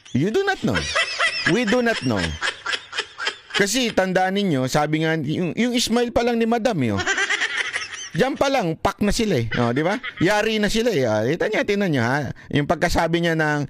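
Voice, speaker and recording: Animated Filipino man with lively pitch. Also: very noisy. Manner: animated, laughing often, switching between Tagalog and English. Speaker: political commentary host. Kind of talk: casual political commentary.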